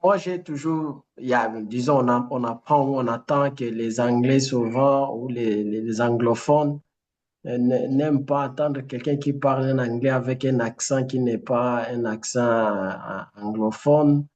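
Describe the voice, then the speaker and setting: Guy in a group call, polite, keeps stopping with euh, mid-pitch voice. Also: fairly even intonation, darkish tone, muffled recording. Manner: halting, polite, with frequent fillers. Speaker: program participant. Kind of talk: casual remarks in a meeting.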